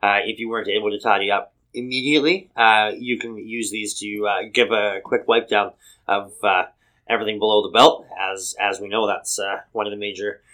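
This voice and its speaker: A man's voice: fairly low pitch, steady tone, sharp tone, poor audio. A man co-hosting a podcast, talking casually through sponsor mentions with lots of ums and uhs. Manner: halting, many fillers, reads sponsor plugs. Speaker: podcast co-host.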